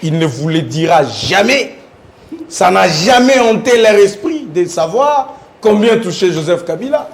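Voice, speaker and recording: Male panelist, sarcastic and insistent, high, animated voice. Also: measured pace. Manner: sarcastic, pointed, insists on being heard. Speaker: debate panelist. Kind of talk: heated televised political debate.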